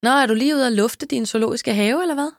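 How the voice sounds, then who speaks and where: A woman voicing a cheerful, chatty girl with a bright, chirpy, teasing manner. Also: fairly high pitch, dry recording, clean studio sound, voice pushed up, natural voice.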